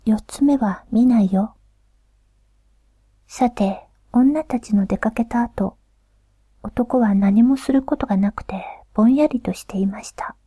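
A woman narrating a folk tale in a soft, unhurried whisper, close to the mic. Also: fairly high pitch, breathy edge, no room sound. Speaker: storyteller.

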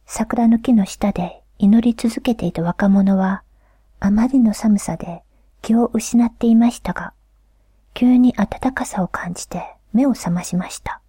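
A woman's voice: mid-range voice, breathy edge, dry recording. Woman whispering a folk tale. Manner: soft, unhurried whisper. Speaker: storyteller.

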